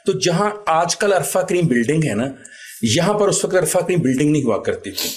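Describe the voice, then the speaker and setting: Man from pakistan, interview guest, lively storyteller, acts out dialogue, slightly high voice.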